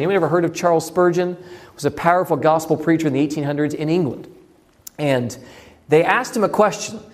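A man preaching an evening sermon, swinging between high exclaims and hushed low lines.

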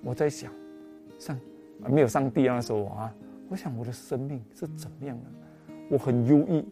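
A man with a Malaysian Mandarin accent giving a personal testimony, telling his story expressively with lots of 哦 and 啊 particles, over soft guitar music. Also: medium pitch, moderate pace, vocal fry. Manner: animated storytelling, heavy use of particles 哦 and 啊. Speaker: testimony speaker.

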